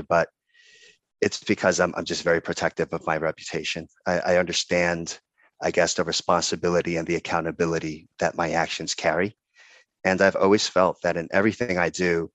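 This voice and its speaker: Earnest deep-voiced man, halting speech. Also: a bit bright, dry recording. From Dominican Republic. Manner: earnest, halting, with many ums and restarts. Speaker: interview guest. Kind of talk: casual interview.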